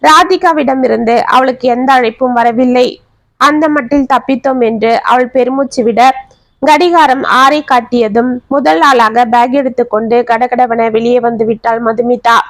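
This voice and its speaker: High-voiced woman reading a family story. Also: fairly even intonation, normal speed, no echo. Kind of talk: scripted story narration.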